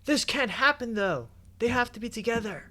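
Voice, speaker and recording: There's a noisy background with music as a man with a very high-pitched, animated voice talks at normal speed. A game streamer, he chats casually on his livestream, reacting to forum posts in a slangy way.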